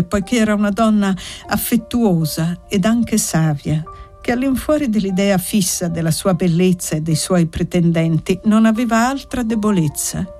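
A woman narrating a classic novel in a calm, even storytelling manner. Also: mid-range voice. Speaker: audiobook narrator. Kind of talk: scripted narration.

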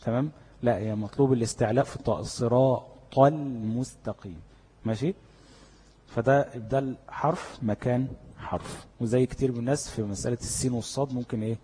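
A husky, breathy-voiced man with an Egyptian Arabic accent gives a tajweed lesson, posing questions and then answering them himself. His mellow, dark voice rings out with a long reverb, as if in a large hall. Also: mid-range voice, steady tone, quick pace. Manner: explains step by step, asking and answering his own questions. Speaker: Quran recitation teacher. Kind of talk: classroom lecture on tajweed.

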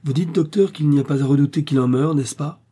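Man voicing a brooding sea captain, pensive and measured, dark husky voice. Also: a little high, voice pushed up. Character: brooding handsome naval captain, scheming.

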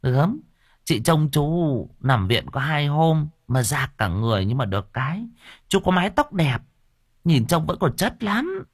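A man's voice: on the high side, sing-song, unhurried, breathy edge, no room sound, clean studio sound, voice pushed up, heavily acted. A sassy, flirty middle-aged teahouse owner, as a male narrator puts her on. She teases in a voice raised far above his own. The setting is an audio story. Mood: teasing. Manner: teasing, sassy.

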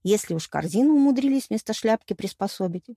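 A woman reads a fantasy novel aloud in the first person, with a wry, storytelling delivery. Her voice is warm and mellow, and it sits at a middle pitch. The sound is dry and close to the mic. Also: animated, fast talker, dry recording. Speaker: audiobook narrator. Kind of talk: scripted first-person narration.

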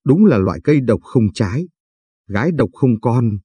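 A man voicing a sharp-tongued elderly village mother-in-law who scolds and accuses, read in a storytelling narration. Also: mid-range voice, big pitch swings, normal speed, slightly rough, no room sound. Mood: scolding.

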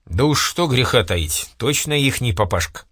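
A man's voice: mid-range voice, animated, normal speed, fairly bright tone, slightly rough, no echo, clean studio sound. A man reading aloud, voicing a grumbling, folksy cook. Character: grumbling old male cook.

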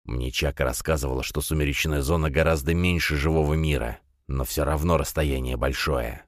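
Guy doing a low hissing lizard count, bitter and scared, audiobook. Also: fairly even intonation, a little fast, no room sound, studio quality. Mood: hissing, resentful. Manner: hissing, hoarse.

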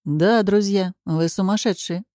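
A woman's voice: mid-range voice, steady tone, a little slow, mellow, dry recording, studio quality, lightly acted. A woman reading the part of a teasing middle-aged male friend at a party in an audiobook. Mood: upbeat.

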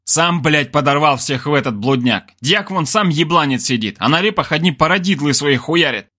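A man voicing a rowdy young male bassist who talks crudely and flares up with curses. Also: sing-song, moderate pace, fairly bright tone. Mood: furious. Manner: crude, brash, swearing.

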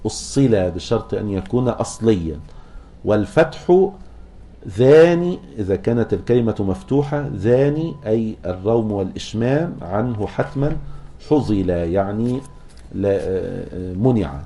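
A man teaching a class on Quran recitation, asking students questions, chanting verses slowly and restarting words as he explains. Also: fairly low pitch, lively intonation, warm tone, slight background noise. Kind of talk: classroom lecture explaining a poem.

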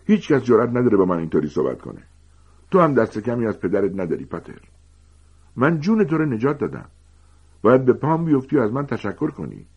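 A man's voice: medium pitch, very animated, breathy edge, voice pushed up. A man voicing a stern, bitter male professor who speaks coldly and harshly in a storybook reading. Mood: furious. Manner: cold, harsh and shouting. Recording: dull lo-fi recording.

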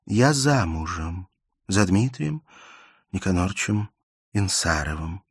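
A man voicing a quiet, resolute young woman who answers her father softly and calmly. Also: low voice, slow, breathy edge, no room sound, clean studio sound, exaggerated voice. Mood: quiet firm. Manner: soft-spoken, restrained, calm.

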